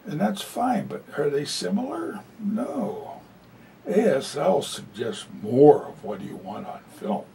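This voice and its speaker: Slow and sing-song, this man's gravelly, dark voice gives a live spoken interpretation of a talk, as a sign language interpreter voicing a presentation. He talks conversationally, dropping in many fillers. The recording comes from a distant mic, with a faint low rumble.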